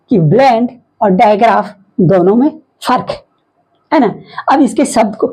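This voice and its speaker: A woman teacher, her voice high and a little husky, with a mellow, soft tone. She explains phonics patiently, sounding out letters one at a time and stopping to ask the class questions. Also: poor audio. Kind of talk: phonics lesson.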